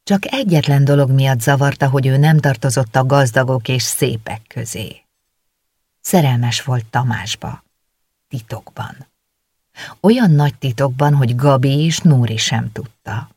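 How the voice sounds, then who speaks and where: Audiobook narrator: steady, gravelly, dry studio sound. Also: medium pitch, no echo. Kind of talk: scripted narration. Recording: dry close recording.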